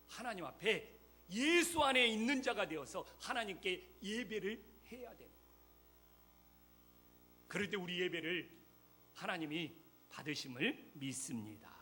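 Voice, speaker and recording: A man's voice: fairly high pitch, pushed and bright. A man, a pastor, preaching a sermon in a church, pressing his points with emphatic rhetorical questions. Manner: jokes lightly with the congregation. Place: church sanctuary.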